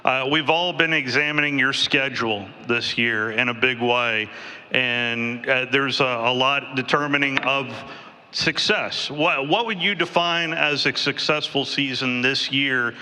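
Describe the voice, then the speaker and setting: A man working as a radio reporter, asking a press question in a polite, halting way. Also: medium pitch, pushed and bright. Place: large media hall. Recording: long hall reverb.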